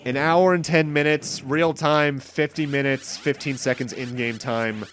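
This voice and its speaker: Unhurried and fairly even in intonation, this man's medium-pitched voice has a fairly bright tone, with slight background noise and game music in the mix. He hosts a video game playthrough series, offering casual, wandering let's play commentary and correcting himself as he explains.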